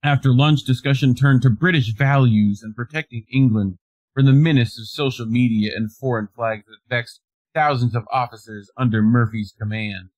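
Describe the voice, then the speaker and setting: A man's voice: medium pitch, moderate pace, no echo, rough recording. A male co-host reading news articles aloud and breaking off with laughs and wry comments.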